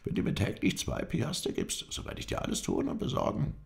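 A man's voice: brisk, lightly acted. A man voicing a fawning, eager male house watchman who is keen to please.

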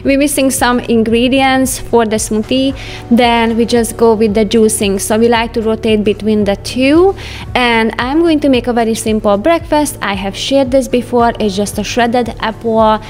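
Woman narrating her home routine, highish voice, soft music behind. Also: normal speed. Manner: chatty, light laughs, non-native phrasing. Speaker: home vlogger. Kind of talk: casual voice-over narration. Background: soft background music.

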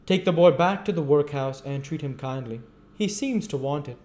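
A man's voice: a little high, moderate pace, pitched above the performer's own voice, close to an everyday voice. A man voicing a stern but kindly elderly male magistrate who speaks sharply and firmly, from an audiobook reading. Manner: sharp, commanding.

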